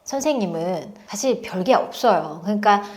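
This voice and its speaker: A woman's voice: medium pitch, normal speed. A woman in her thirties giving casual advice as a tutor, acting out students and teachers as she talks. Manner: animated, acts out quoted students and teachers.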